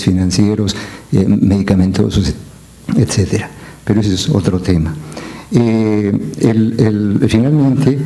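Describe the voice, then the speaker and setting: A man on a conference panel talks in a measured, reflective way, pausing on small fillers as he builds his point. His voice sits low and sounds soft and mellow. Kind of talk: academic panel remarks.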